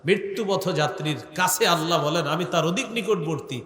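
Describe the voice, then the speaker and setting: A man preaching a sermon, chanting scripture slowly and explaining it in plain conversational speech full of rhetorical questions. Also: fairly high pitch, fairly bright tone. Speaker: Islamic preacher. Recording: echoey hall with long reverb.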